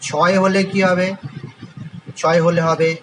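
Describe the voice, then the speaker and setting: A man's voice: high voice, little pitch movement, slow, slight background noise, rough recording. A man teaching a chemistry lesson with a Bengali accent, spelling out terms letter by letter and asking and answering his own questions. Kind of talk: classroom lecture.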